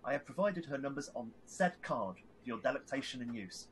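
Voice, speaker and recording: A haughty, posh young girl, as a man puts her on for a tabletop game. She speaks in stiff, formal, flowery phrases, trying to sound official. Her voice sits at a middling pitch, with faint noise behind it. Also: lively intonation, brisk, natural voice. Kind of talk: tabletop role-play in character.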